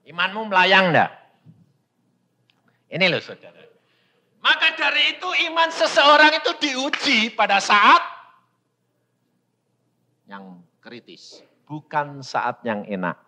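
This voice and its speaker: A man preaching a sermon, telling a story and acting out the dialogue, swinging from hushed lines to shouted ones. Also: high-pitched, huge pitch swings, takes it slowly, long pauses. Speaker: pastor.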